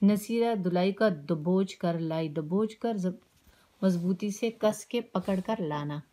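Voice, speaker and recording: A woman teacher with a Pakistani Urdu accent and a low, warm voice reads a story aloud. She stops often to explain words with simple synonyms and keeps checking whether her students follow. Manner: keeps asking "ٹھیک ہے نا".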